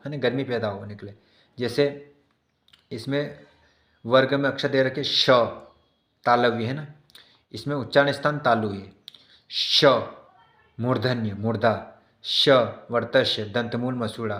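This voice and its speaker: A man's voice: medium pitch, fairly bright tone, reverberant. A male teacher giving an exam-prep lesson who repeats each definition and keeps checking in with his listeners.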